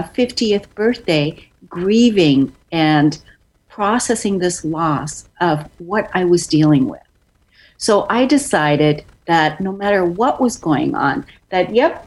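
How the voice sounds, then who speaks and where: This woman in her fifties shares a personal story with great effusiveness, repeating words again and again to stress them. Her pitch is medium with a slightly mellow quality, and the audio is low quality.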